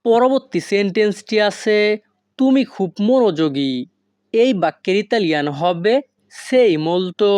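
Slow, deliberate language teacher, dry sound. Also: mid-range voice, darkish tone, clean tone, no echo. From Bengali-speaking. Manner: slow and deliberate, spells out foreign words piece by piece. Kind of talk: instructional lesson.

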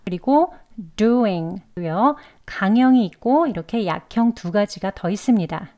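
A woman teaching English pronunciation, explaining patiently step by step and drawing out model words slowly. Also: medium pitch, animated, dark tone, muffled recording. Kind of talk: pronunciation lesson.

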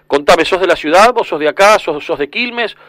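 A man's voice: high voice, expressive, moderate pace, fairly bright tone, no echo. A man with a Rioplatense Spanish accent hosting a casual radio sports interview, asking long, rambling questions full of restarts.

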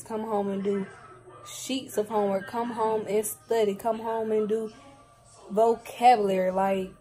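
A woman's voice: medium pitch, warm tone. A young woman in her late teens, chatting casually to her viewers at home in a slangy, direct way. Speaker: vlogger. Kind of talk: casual vlog chat.

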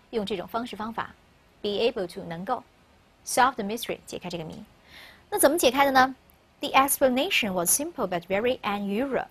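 Husky-voiced woman teaching English grammar. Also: fairly high pitch, fairly bright tone. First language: Mandarin Chinese. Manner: asks questions and answers them herself. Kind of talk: classroom grammar lesson.

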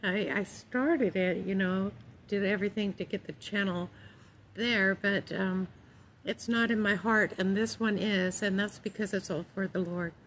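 A middle-aged woman chatting casually to camera about faith in a calm, gentle, unhurried way. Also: mid-range voice, poor audio. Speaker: vlogger sharing her faith. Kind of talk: casual devotional chat to camera. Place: outdoors in a park among trees. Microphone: phone at arm's length. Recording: outdoor phone recording with background noise.

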